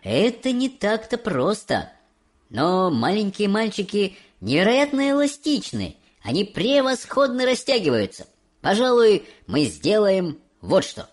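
A man voicing an eccentric, brisk, cheerful bearded candy maker with a theatrical, bouncy delivery. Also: high-pitched, wildly swooping pitch, pitched above the performer's own voice, full character voice. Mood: explaining.

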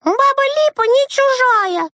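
A woman reading a storybook and voicing a giddy, stubborn little girl in a squeaky, shrill child voice. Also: measured pace, no echo, studio quality, full character voice. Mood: defiant. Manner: shouty, bouncy, defiant.

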